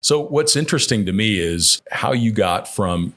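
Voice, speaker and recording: Low-voiced male podcast host. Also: animated, moderate pace, fairly bright tone. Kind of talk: conversational interview.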